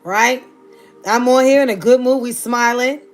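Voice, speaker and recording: Over faint background music, a woman in her thirties from Virginia, United States, chats with her stream viewers sassily and playfully. Her voice is a little high with a steady tone and moderate pace.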